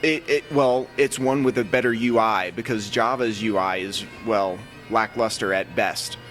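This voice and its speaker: A man's voice: fairly low pitch, measured pace, fairly bright tone, soft background music. A man in casual podcast chat, explaining a technical point at length and restarting his sentences often.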